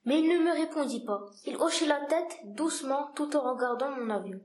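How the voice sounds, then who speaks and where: A woman reading the narration of a storybook aloud in a calm, measured way. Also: high-pitched. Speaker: reader.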